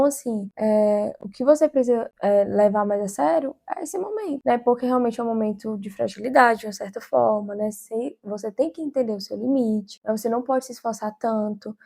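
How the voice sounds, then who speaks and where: A woman's voice: a little high, creaky, mellow. A young woman from Brazil giving an earnest, chatty personal testimony to her followers, full of small fillers. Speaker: vlogger.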